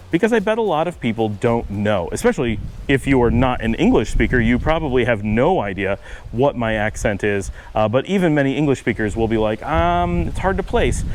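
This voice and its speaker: A fast-talking vlogger from upstate New York, with a medium-pitched voice and a Buffalo-Cleveland American accent, tries to slow down during a casual walking vlog. He's outdoors on a windy street, with slight background noise.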